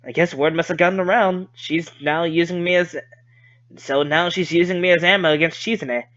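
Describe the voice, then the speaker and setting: A man's voice: on the high side, steady tone, normal speed, a bit bright, highs cut off. A man reading a visual novel aloud as a streamer, casual and conversational, cursing at his slips and rereading lines.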